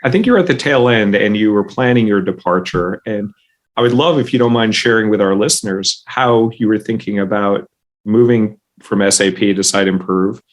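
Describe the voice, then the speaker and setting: Male podcast host with a lowish voice. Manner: friendly, halting, many restarts. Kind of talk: casual interview conversation.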